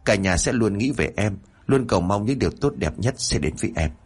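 A man's voice: fairly low pitch, lively intonation, a little fast, husky. Man voicing a grieving young woman ghost. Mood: tender.

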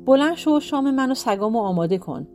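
A woman's voice: high voice, expressive, a little mellow, faint music behind, pitched above the performer's own voice. A woman voicing a commanding young prince who gives curt orders.

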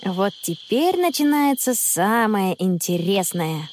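A woman voicing a calm, matter-of-fact young girl in an audiobook story, speaking slowly and evenly. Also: mid-range voice, a little hiss or hum.

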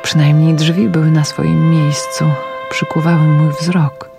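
A woman reading first-person literary prose for radio in a quiet, reflective manner that sinks into whispers. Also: low-pitched, level tone, measured pace, gravelly. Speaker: radio reader. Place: radio studio. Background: music.

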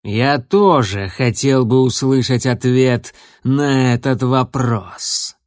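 A man voicing a hulking, menacing male warrior cat with a low threatening bass, speaking slowly and sneeringly. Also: no room sound, studio quality, lightly acted. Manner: slow, drawn-out, sneering.

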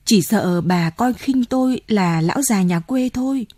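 A woman reading an audiobook voices a timid old countryman who asks halting, choked questions. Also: medium pitch, expressive, warm tone, dry recording, clean studio sound. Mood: shaken.

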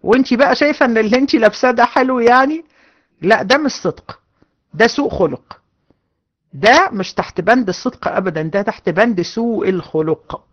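With a fairly high voice and a slightly fast pace, a woman with an Egyptian Arabic accent teaches a hadith lesson to women students. The sound is lo-fi, and she is earnest, repetitive, and speaks straight to her class.

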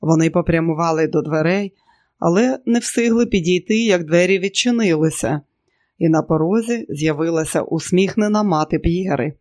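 A man narrating a novel as an audiobook in an even, steady manner. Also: on the high side, moderate pace, no echo, clean studio sound.

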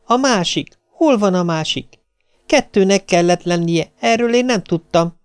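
A man's voice: clear, resonant tone, no echo, studio quality, natural voice. A man reading an audiobook, voicing a desperate young mother in a raised, pleading voice. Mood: distraught. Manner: raised pitch, pleading and tearful.

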